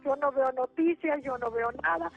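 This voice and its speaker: This elderly caller, a woman in her eighties, speaks with a Mexican Spanish accent in a gravelly voice that sits high, at a moderate pace. She prays and shares her hardships devoutly, wandering and starting over many times. Faint music plays behind the tinny phone audio.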